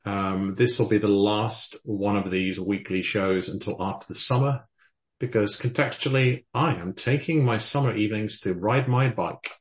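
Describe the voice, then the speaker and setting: A man's voice: lowish voice, moderate pace. A man hosting a live podcast, talking in a hesitant way with many ums and restarts. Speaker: podcast host. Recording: roomy echo.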